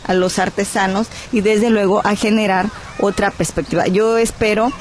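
A Mexican woman speaks as a guest on a radio interview, in a voice of medium pitch. She presses her points earnestly and persuasively, and pauses often on "eh" while she finds her words. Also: steady tone, slight background noise. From Guerrero, Mexico. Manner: earnest and persuasive, with frequent "eh" hesitations. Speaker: cultural advocate, interview guest.

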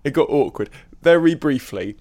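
A man in his twenties hosting a podcast, talking casually, laughing often and getting animated when he defends himself. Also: on the high side, normal speed. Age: 20s. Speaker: podcast host.

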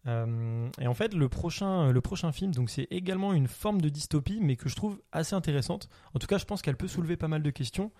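A podcast co-host with a slightly high, mellow voice talks about films with enthusiasm, speaking briskly and expressively with few pauses. His casual chat is hesitant and full of fillers, and he laughs often.

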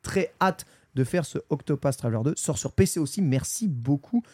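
A man's voice: fairly high pitch, expressive, moderate pace, a little mellow, husky, no room sound, studio quality. A man hosting a casual gaming podcast, chatty and playful, reading out chat polls and listener questions. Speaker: podcast host.

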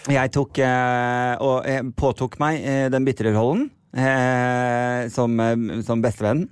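A man's voice: medium pitch, steady tone, smooth, no echo, clean studio sound. A man co-hosting a casual podcast, talking hesitantly with many fillers and short replies. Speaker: podcast co-host.

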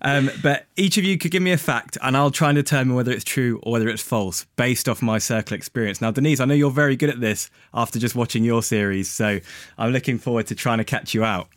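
A man's voice: mid-range voice, quick pace, no room sound, clean studio sound. A man hosting a podcast in a casual, chatty style. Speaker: podcast host.

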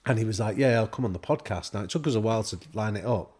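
Rapid-fire and low, a British man's slightly mellow, husky voice carries his anecdotes. As a guest expert on high performance, he chats casually and acts out the dialogue he recounts.

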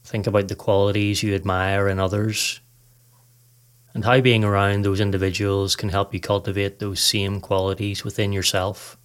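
A man with a fairly low voice reads a scripted guided meditation, calm and measured with very little rise and fall in pitch. Like a podcast host, he offers listeners gentle instructions.

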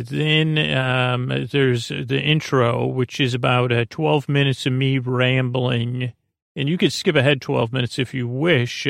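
A podcast host with a creaky, medium-pitched voice delivers a bedtime monologue for a sleep podcast, wandering hesitantly through tangents. The studio-quality recording has no room sound.

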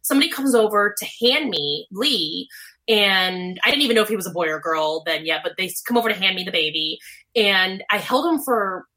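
A young woman with a bright, clear-edged voice tells a personal story in casual conversation. She is chatty and peppers her talk with "like," voicing her own past thoughts aloud. Her pitch sits in a middle range for a woman. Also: lively intonation, a little fast. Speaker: guest telling her birth story.

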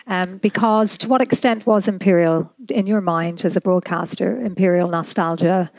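Female panel moderator, slightly low voice, dry sound, conversational questioning. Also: fairly even intonation, normal speed, darkish tone, no room sound, rough recording. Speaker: discussion moderator.

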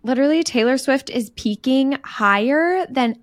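A woman's voice: sits high, expressive, moderate pace, no echo, clean studio sound. A woman co-hosting a casual podcast, talking in a chatty, emphatic way. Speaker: podcast co-host. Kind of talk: casual chat.

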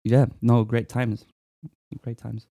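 A man in his twenties from France, a musician talking casually in an interview, relaxed and hesitant with many fillers. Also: medium pitch, takes it slowly, no room sound, studio quality. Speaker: musician guest.

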